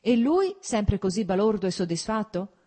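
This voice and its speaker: A woman voicing a merry young male officer who tells gossip with excited exclamations. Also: mid-range voice, moderate pace, voice pushed up.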